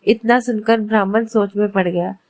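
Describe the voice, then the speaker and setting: A woman calmly and reverently narrating a devotional religious story. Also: mid-range voice, normal speed.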